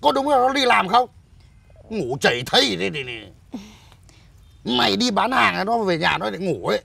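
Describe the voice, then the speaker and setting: An actor playing a stingy, bullying old village moneylender, bossy and mocking, in a comedy film. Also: male voice, high voice, very animated, fairly quick, creaky, bright, forceful tone, breathy edge, no room sound, full character voice. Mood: scolding. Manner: bossy, barking orders, mocking. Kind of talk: Vietnamese comedy film acting.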